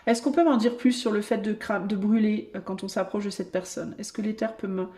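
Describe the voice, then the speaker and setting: A woman giving a channeled tarot reading to her viewers, thinking aloud and breaking into excited exclamations. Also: medium pitch, a little fast. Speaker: tarot reader and medium.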